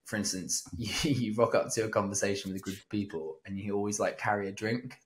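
A man's voice: on the low side, steady tone, fast talker. A man co-hosting a book summary, reading out points and then chatting casually. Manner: reads lists plainly, then chats casually. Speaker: podcast co-host.

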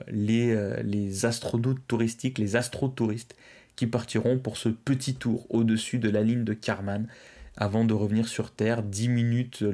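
With a warm, fairly low voice, a young livestream host sits at an indoor streaming desk, casually chatting and reading viewers' messages aloud.

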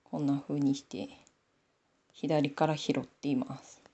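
A woman from Aomori, Japan, speaking in the Nanbu dialect, chats casually to herself while knitting a sock on camera, like a relaxed knitting tutorial. Her voice is bass-deep, level, measured, and dark with a breathy edge, and the sound is lo-fi.

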